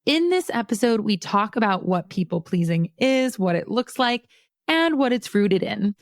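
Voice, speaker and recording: An upbeat woman hosting a podcast, talking at a middle pitch. Her voice sounds dry and close, with no room around it. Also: sing-song, moderate pace, no echo. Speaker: podcast host. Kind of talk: podcast interview.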